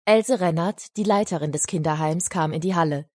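A woman reading a children's story as audiobook narrator, calm and even. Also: lowish voice, moderate pace, dry recording. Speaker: audiobook reader. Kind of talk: scripted narration. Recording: dry studio voice.

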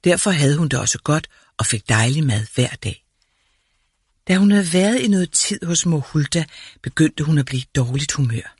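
A man narrating a fairy tale in a calm, measured storytelling manner. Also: fairly high pitch, breathy edge, dry recording, clean studio sound.

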